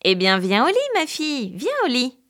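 A woman's voice: high-pitched, huge pitch swings, normal speed, a bit bright, exaggerated voice. A woman voicing an ugly, wicked man who pretends to be a sick grandmother, speaking in a plaintive, wheedling way. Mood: plaintive, coaxing.

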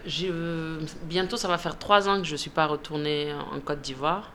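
A shop manager from Ivory Coast, a woman in her thirties, answers radio interview questions hesitantly, with frequent fillers and laughs. Her voice sits low and is fairly bright, with a steady tone and moderate pace. There is slight background noise.

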